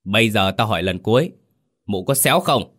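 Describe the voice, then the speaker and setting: A man voicing a cruel, bad-tempered old village chief who shouts and scolds. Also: lowish voice, sing-song, moderate pace. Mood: angry scolding.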